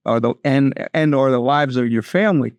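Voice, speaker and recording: A man at a middle pitch offers measured, motivational advice on a studio panel. He phrases his points as short maxims. The recording is dry and close. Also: dry recording. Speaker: conference co-chair, panel guest. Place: podcast studio.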